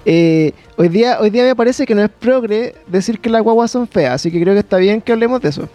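Chilean podcast co-host, high voice, loose rambling talk, stumbles and swears. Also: male voice, expressive, brisk, warm tone, soft background music. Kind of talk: casual banter.

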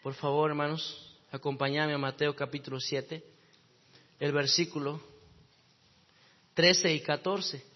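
A man preaches with fervor, his voice pitched high for a man. He swings between loud exhortation and hushed passages. The recording is dull, and a long reverb trails off the church hall walls. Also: steady tone, a little slow, long pauses. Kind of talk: sermon.

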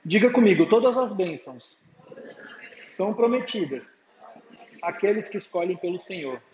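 A man's voice: sits high, lively intonation, normal speed, a little mellow. A man preaching a sermon to a congregation, calling for amens and acting out talks with his little daughter. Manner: calls out to the congregation with frequent amens; acts out dialogues with his daughter. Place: church hall with an audience. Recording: echoey hall, dull sound, faint hum.

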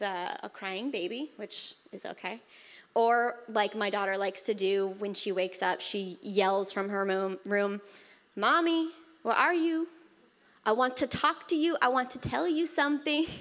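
A woman coach giving an upbeat motivational talk to a live audience in a room. She is emphatic and repeats her key phrases. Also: medium pitch. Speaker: women's coach and guest speaker.

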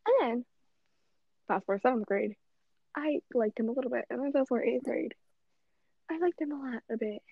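A woman's voice: on the high side, fairly quick, vocal fry, pauses often, slightly rough, no room sound, narrow, tinny audio. A teenage girl telling a school romance story in casual chat, chatty and dramatic. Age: teens.

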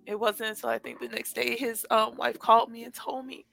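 A woman co-hosting a podcast, speaking candidly and haltingly, with frequent fillers and swearing. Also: a little high, level tone, vocal fry, fairly bright tone, soft background music, low-quality recording. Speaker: podcast co-host. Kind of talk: casual personal podcast talk. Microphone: podcast microphone.

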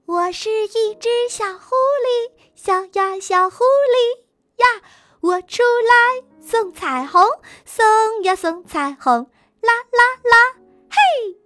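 A woman voicing a cheerful, generous little fox cub in a storybook, bright and bouncy. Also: very high voice, sing-song, normal speed, dry recording, exaggerated voice. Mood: singing, playful.

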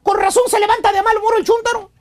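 Una mujer con acento mexicano que, como conductora de radio, cuenta una historia cómica a gritos y burlándose. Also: female voice, extremely high pitch, level tone, fast talker. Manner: shouting, teasing, storytelling. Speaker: radio comedy host. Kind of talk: comic radio rant.

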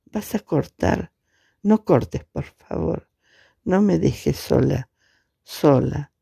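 A man reading the part of a grieving young woman pleading softly into a phone, close to tears. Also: on the high side, animated, drawn-out words, gravelly, slightly rough, no room sound, exaggerated voice. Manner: soft, pleading, near tears.

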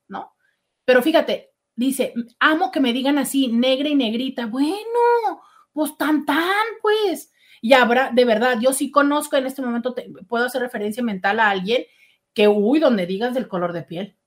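A woman's voice: high-pitched, normal speed. A middle-aged woman hosting a casual show and chatting animatedly as she reads listener messages. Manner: chatty, warm, animated with exclamations. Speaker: radio host reading listener messages. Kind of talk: casual call-in show chat.

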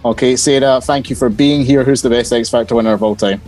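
A man's voice: mid-range voice, fairly even intonation, fast, darkish tone, soft background music. A man hosting a casual wrestling panel podcast, talking in a conversational way. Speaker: podcast host.

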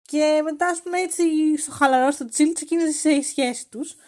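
A woman's voice: high voice, a little mellow. A woman hosting a podcast, talking casually and teasingly as she acts out quoted lines. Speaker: podcast host.

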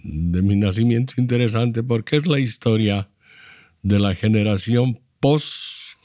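Low-voiced bolivian guy in his 70s, slow lecturing way of explaining, dry close sound. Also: darkish tone, no room sound. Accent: Bolivian Spanish. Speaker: interview guest, architect. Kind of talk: reflective storytelling.

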